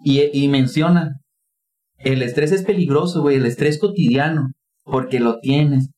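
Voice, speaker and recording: A man's voice: mid-range voice, measured pace. Slangy Mexican man in casual chat. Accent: Mexican Spanish. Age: young adult. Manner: slangy, laughs often, animated voices. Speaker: podcast co-host, psychologist.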